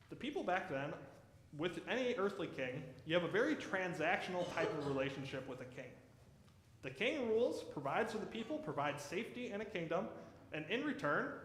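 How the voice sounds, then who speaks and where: A man's voice: fairly high pitch, fairly bright tone, a little hiss or hum. A man preaching a sermon as pastor, earnestly posing rhetorical questions to his congregation. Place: church sanctuary. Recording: echoey church hall, faint ambience.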